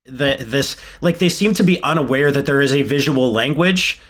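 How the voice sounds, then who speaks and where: A man's voice: medium pitch, moderate pace, fairly bright tone. A man in casual podcast chat with an ordinary mid-range voice. He rambles, circling back through fillers and restarts before landing his point. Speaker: podcast co-host.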